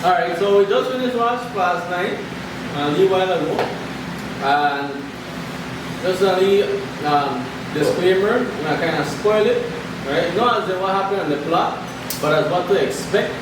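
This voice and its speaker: A man's voice: high-pitched, normal speed. A man hosting a casual group podcast, talking in an informal, slangy way. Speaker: podcast host. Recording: echoey room, distant mic, noisy background.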